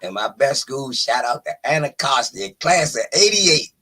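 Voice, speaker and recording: A man's voice: mid-range voice, very animated, normal speed, pushed and bright, slightly rough. A man, a laid-back guest talking over a video call. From Washington, DC.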